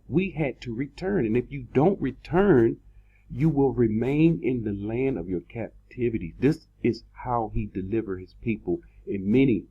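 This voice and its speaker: Emphatic preacher man, lively pitch. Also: husky. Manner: emphatic, drawn-out words for stress, repeats phrases. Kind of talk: sermon-style scripture teaching. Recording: dull lo-fi recording.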